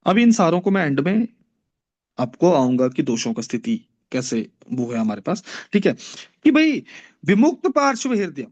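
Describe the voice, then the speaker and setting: A man with a fairly high, very lively voice teaching a class. He chants classical verses, then explains them in plain talk and quizzes his listeners. The sound is dull and lo-fi. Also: normal speed. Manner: recites Sanskrit verses then explains in mixed Hindi and English; asks the class questions and answers them himself. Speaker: Ayurveda teacher. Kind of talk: classroom lecture. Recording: dull lo-fi recording.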